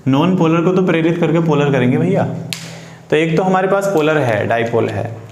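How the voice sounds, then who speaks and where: A man gives an informal, classroom-style chemistry lesson to students, repeating key phrases, asking and answering his own questions, and mixing in English technical terms. His voice is fairly high and a little mellow, at a moderate pace. The recording has a roomy echo with faint background noise.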